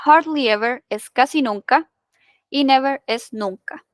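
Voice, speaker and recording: Slow, high-voiced teacher woman. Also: no echo, clean studio sound. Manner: explains patiently, with many "eh" and "ya?" checks. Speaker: English teacher. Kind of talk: online class explanation.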